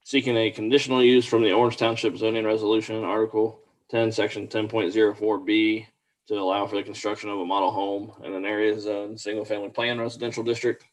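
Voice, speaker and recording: A man's voice: fairly low pitch, level tone, fast talker, rough recording. A man reading out a formal staff report at a public meeting in a plain, procedural way.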